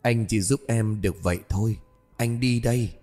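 A male narrator voicing a gentle, mysterious young man who speaks softly and tenderly. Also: on the low side, lively intonation, normal speed, long reverb tail, soft background music, lightly acted. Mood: soothing. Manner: soft, hushed and tender.

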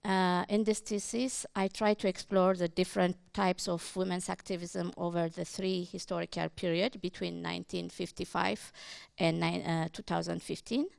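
A woman's voice: fairly low pitch, little pitch movement, normal speed, vocal fry, darkish tone, smooth, no echo. A middle-aged woman from Ethiopia giving an academic conference presentation, hesitant, with many fillers and restarts. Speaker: conference speaker, independent researcher.

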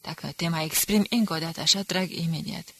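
A woman's voice: on the low side, fairly bright tone, no echo. A woman reading the part of a menacing male undercover agent who talks in an ironic, threatening way. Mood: indignant.

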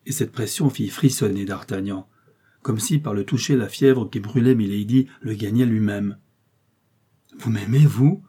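A man narrating a novel as an audiobook in a steady, measured way. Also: lowish voice, husky. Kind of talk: novel reading.

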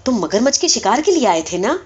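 A woman voicing an eager, excitable Anglo-Indian man who keeps asking questions, on a dull lo-fi recording. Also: on the high side.

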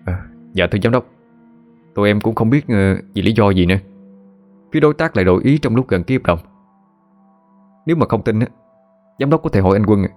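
A man's voice: lowish voice, expressive, brisk, long pauses, darkish tone, soft background music, close to an everyday voice. A male narrator voicing a nervous young office employee who stammers apologetically.

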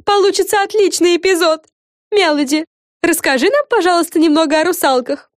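A woman reading an audiobook, voicing a bossy, excitable fairy girl who hosts a show, talking in emphatic exclamations. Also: very high-pitched, a little fast, no echo, clean studio sound, voice pushed up.

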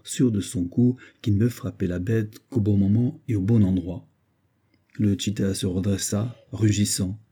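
A man narrating a classic adventure novel as an audiobook, in a measured, steady reading. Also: on the low side, slightly rough. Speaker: audiobook reader.

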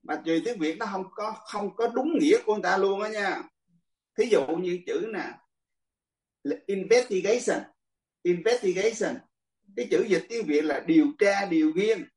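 High-pitched yet darkish in tone and fairly quick, an older monk teaches through casual conversation, laughing often and speaking directly to his students. The sound is echoey and recorded from far away.

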